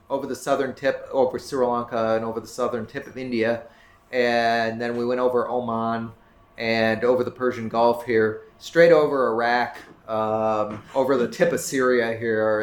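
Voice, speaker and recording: A man presenting a trip slideshow to a club audience in a casual, rambling way, restarting his sentences often. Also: mid-range voice. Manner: rambling, self-correcting, many restarts. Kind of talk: casual slideshow talk to a group. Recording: roomy room echo, faint background noise.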